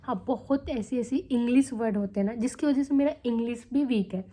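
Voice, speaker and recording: Young adult woman, vlogger, casual candid chat, slightly high voice, soft mellow tone. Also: a little fast. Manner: chatty, candid, tags lines with "theek hai" and "hai na". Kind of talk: casual talk to camera.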